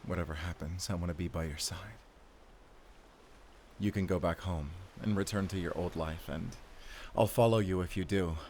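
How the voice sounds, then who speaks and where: In an intimate romantic audio roleplay, a male actor voices a weary, devoted werewolf hunter, speaking haltingly and sincerely with soft sighs. His low voice stays fairly even in intonation, with a little hiss or hum, and the mood is heartfelt and pleading.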